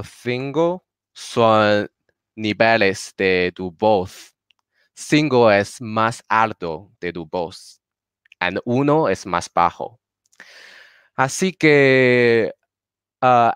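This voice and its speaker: A man whose first language is Chinese teaches an online lesson, speaking slowly and haltingly, with many filler sounds, and switching between Spanish and English. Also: lowish voice, a bit bright, clear, resonant tone, dry recording, studio quality.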